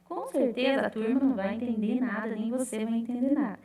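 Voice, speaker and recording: A woman's voice: a little high, mellow, recorded from a distance. Chatty woman teacher in an echoey room. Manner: chatty, repeats "né?" and "gente", sounds out syllables slowly. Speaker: literacy teacher trainer. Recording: echoey room, away from the mic.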